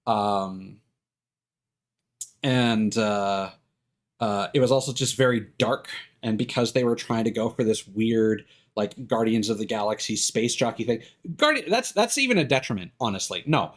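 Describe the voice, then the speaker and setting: A low-voiced, animated man live streams, rambling through casual opinions in a halting, start-and-stop manner.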